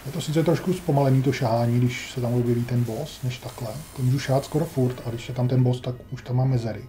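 Talking to himself in a wry, grumbling way, a man plays through a retro game for a casual let's-play. His mid-range voice is dark with fairly even intonation, and there's a little hiss or hum on the recording.

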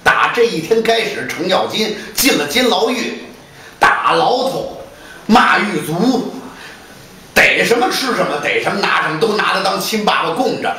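A man telling a comic story on stage, with an animated, theatrical, colloquial way of talking. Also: sits high, moderate pace, slight background noise. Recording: roomy live hall, mic far off.

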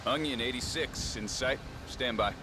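A man voices a by-the-book security guard in a game, reading out call signs in short clipped bursts. His mid-pitched voice sits under heavy noise. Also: moderate pace, natural voice. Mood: businesslike. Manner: clipped radio call-outs.

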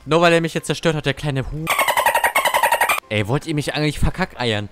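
A man's voice: fairly high pitch, brisk, over loud music. A young man giving casual gameplay commentary, cursing and ranting at his teammates. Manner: salty, swears and rants at teammates. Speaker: gamer.

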